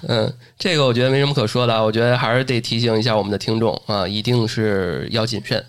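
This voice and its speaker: A man's voice: medium pitch, steady tone, fast talker, clear, resonant tone. Podcast host man, easy chat. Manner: affirming listener, frequent short replies.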